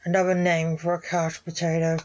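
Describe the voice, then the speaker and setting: A woman's voice: fairly low pitch, completely flat delivery, fairly quick, a little mellow, natural voice. Woman voicing a bickering grown dad. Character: exasperated father, adult man. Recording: dull lo-fi recording.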